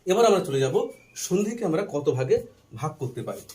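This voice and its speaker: A man teaching a Bengali grammar lesson, slowly spelling out letters and asking and answering his own questions, with a faint Bangladeshi Bengali accent. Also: a little high, very animated, dark tone. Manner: slow and deliberate while writing, spelling out letters.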